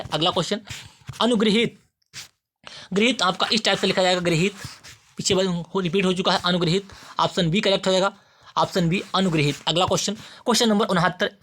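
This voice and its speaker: A teacher running an exam-prep spelling lesson, with a voice that sits at an ordinary middle pitch. The teacher speaks straight to the students, drilling each answer and saying every word again and again while explaining it. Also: fairly bright tone.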